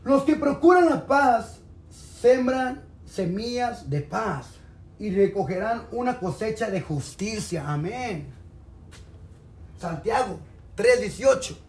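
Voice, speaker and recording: High-pitched man preaching in echoey room. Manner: colloquial, exhorting, direct address to listeners. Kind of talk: sermon. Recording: echoey room, faint background noise.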